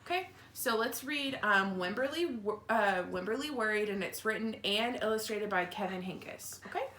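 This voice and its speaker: A woman teacher reads a picture book aloud to children, expressive and adding casual asides to explain things to her young listeners. Her voice is medium-pitched at a normal speed, with a little hiss or hum in a roomy, echoey home recording.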